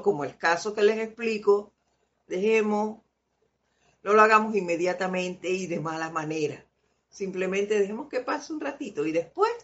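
A woman's voice: on the low side, a bit bright, highs cut off. A woman hosting a live spiritual talk, telling stories from her life and often laughing as she teaches. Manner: slow, storytelling, laughs often. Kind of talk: informal spiritual talk with anecdotes.

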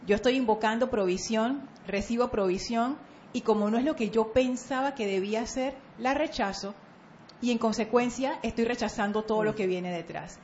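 A woman's voice: a little high, moderate pace, darkish tone. Earnest woman explaining an idea. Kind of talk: casual conversation. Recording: slightly dull audio with faint noise.

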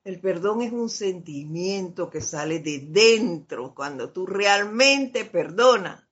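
Slow-speaking woman giving spiritual teaching. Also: fairly low pitch, lively intonation, husky. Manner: reads passages aloud and explains them, addressing listeners as brothers. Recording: dull lo-fi recording.

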